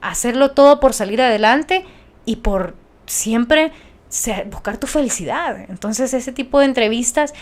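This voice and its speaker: Guesting on a podcast for a casual interview chat, a young Honduran woman who works as a radio announcer speaks with a Honduran Spanish accent. Her voice is a little high and unhurried, and she talks with animated passion, restarting often.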